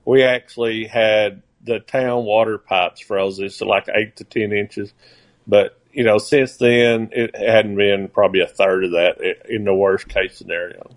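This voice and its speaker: A man in his sixties with an Arkansas accent talks as a farmer guest on a casual radio show. His delivery is folksy and plain, with halting starts as he thinks aloud. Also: fairly low pitch, fairly even intonation. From Arkansas, United States. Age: 60s.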